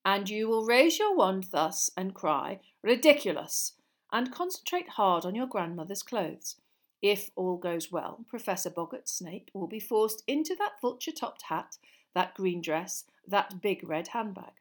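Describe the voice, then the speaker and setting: A calm, encouraging male professor of magic , acted out by a woman reader. He explains in a measured, teacherly way, as in an audiobook story, at a middling pitch. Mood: instructive.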